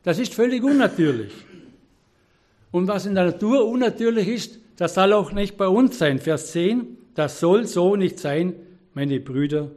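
Earnest preaching man, fairly high voice. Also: animated, unhurried, a little mellow. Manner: earnest, exhorting, quotes scripture with emphasis. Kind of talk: sermon.

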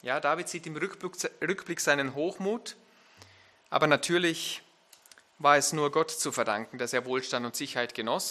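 A man preaching a sermon as pastor, emphatic, turning to his listeners with direct questions and climbing to loud, fervent peaks. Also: medium pitch.

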